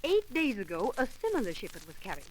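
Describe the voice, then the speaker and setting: An actress playing a composed, formal government agent in a 1930s radio drama. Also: female voice, on the high side, wildly swooping pitch, quick pace, slight background noise, poor audio. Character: cool, precise female government agent. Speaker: Justice Department agent.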